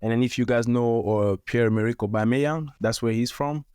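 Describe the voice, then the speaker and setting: A man's voice: medium pitch, brisk, darkish tone, clean tone, no echo, clean studio sound. A young man from Cameroon, a guest on a podcast, talking casually and hesitantly with many fillers. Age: young adult.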